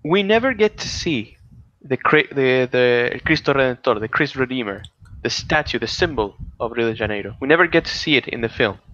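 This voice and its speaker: A man co-hosting a casual podcast, telling stories in an animated way with many restarts and sudden excited outbursts. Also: mid-range voice, a little fast. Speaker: podcast co-host. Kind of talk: casual political chat. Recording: dull lo-fi audio.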